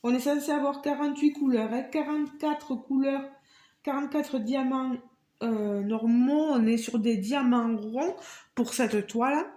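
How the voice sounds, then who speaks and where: Slow-talking woman unboxing a craft kit. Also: sits high, warm tone, echoey room. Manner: chatty, addresses viewers directly; marvels at the items she shows. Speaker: crafts vlogger. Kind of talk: casual unboxing vlog.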